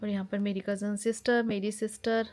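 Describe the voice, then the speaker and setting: A woman's voice: medium pitch, fairly quick. Chatty woman vlogger. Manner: chatty, animated storytelling. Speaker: family vlogger. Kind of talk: casual chat while showing wedding album.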